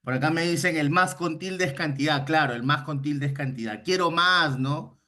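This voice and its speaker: Bright-voiced male teacher. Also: on the high side, normal speed. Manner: explains patiently, checks understanding with frequent short questions. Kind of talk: online class on Spanish grammar.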